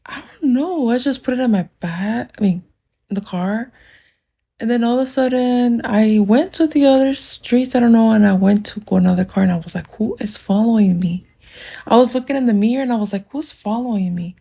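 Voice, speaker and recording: A woman's voice: fairly high pitch, moderate pace, gravelly, warm tone. A woman casually retelling a dream in a rambling, giggly way, full of fillers. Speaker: storyteller.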